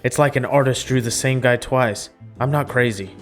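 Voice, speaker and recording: A young man who hosts gaming videos reads a visual novel aloud and reacts with informal, slangy commentary. He speaks at a medium pitch and normal speed, with music playing behind him.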